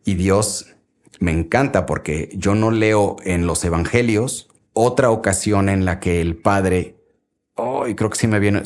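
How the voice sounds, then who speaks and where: A man's voice: lowish voice, a little mellow. A man with a Mexican Spanish accent gives faith-based parenting advice on a podcast, speaking earnestly and conversationally and sometimes acting out quoted lines. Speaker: podcast host, father giving parenting advice.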